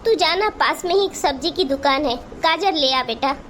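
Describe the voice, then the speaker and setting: A woman voicing a kindly older aunt in a Hindi cartoon, gentle and consoling. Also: sits high, expressive, normal speed, slight background noise, voice pushed down.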